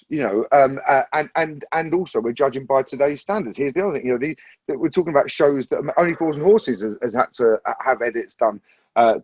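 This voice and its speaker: Husky man, dry lo-fi sound. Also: mid-range voice, darkish tone, no room sound. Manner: thoughtful, circles back to restate points. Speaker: podcast panelist. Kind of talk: casual podcast discussion.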